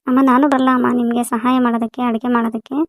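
A married daughter home on a visit , played by a woman, talks politely at a very fast clip. Her voice sits fairly high and stays even, recorded dry and close. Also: no echo, lightly acted. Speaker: daughter in a family skit. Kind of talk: amateur village family skit.

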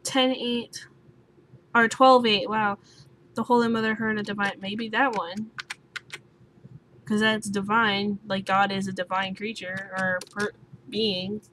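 A young woman playing a puzzle game and thinking out loud, swearing often and sounding sleepy. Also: medium pitch, little pitch movement, slow pace, pauses often. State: sleepy, just woke up. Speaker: gaming YouTuber. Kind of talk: let's play commentary. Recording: noisy home recording with keyboard sounds.

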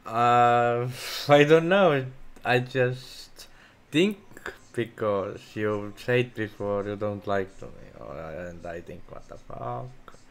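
An Estonian-accented man live on stream, talking casually with strangers. His English is halting and broken, and he swears freely. His pitch sits in an ordinary middle range. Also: smooth. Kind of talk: casual livestream chat.

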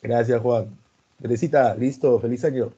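Through a muffled recording, a pre-university history teacher leads a live online class, welcoming students by name and drawing on homely examples. His voice is warm, husky and medium-pitched at normal speed, yet sounds stern, something he attributes to his natural voice.

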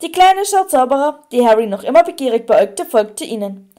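A woman narrating an audiobook with clear, even storytelling. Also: sits high, fairly quick. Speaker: audiobook reader.

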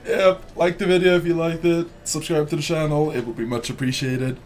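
Average-pitched guy teasing his friends during a game, faint hiss behind. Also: little pitch movement, brisk. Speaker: co-host gamer. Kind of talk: casual gaming chat.

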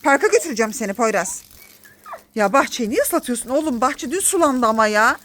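A woman's voice: fairly high pitch, lively intonation, brisk, heavy background noise. A woman filming a family vlog outdoors in a garden, coaxing and scolding her children and laughing often.

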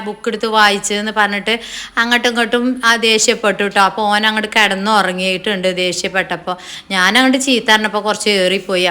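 A middle-aged woman, a mother who makes family vlogs, chats in a homely, talkative way in a casual video. When she shares sad family news, her voice drops soft and low.

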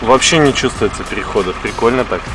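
A man talks as a casual interviewer outdoors, over loud music. He works toward his questions in a roundabout way, hesitating and repeating small filler words. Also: mid-range voice, quick pace, low-quality recording. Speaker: interviewer filming the video. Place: outdoors in a lane between garages.

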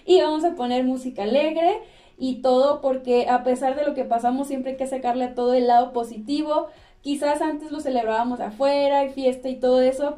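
Young Mexican woman fashion vlogger, high mellow voice, chatty and upbeat, mic a touch distant. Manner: cheerful, chatty, laughs often. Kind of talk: casual chat to camera. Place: small indoor room with clothes rack.

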